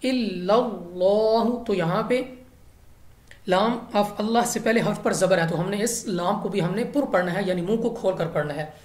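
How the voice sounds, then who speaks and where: A woman's voice: mid-range voice, normal speed, a little mellow. A woman teaching Quran recitation rules in a patient, step-by-step way. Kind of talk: recitation lesson. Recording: echoey room.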